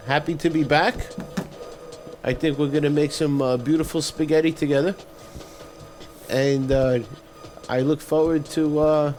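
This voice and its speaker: A man's voice: a little high, darkish tone, a little hiss or hum, poor audio. Stammering, effusive male radio host. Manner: rambling, stammering, effusive praise. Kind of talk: casual interview sign-off.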